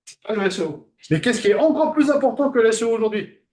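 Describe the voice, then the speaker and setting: A man giving a classroom lecture, talking conversationally, asking the class questions and pausing on fillers. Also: extremely high pitch, lively intonation, darkish tone.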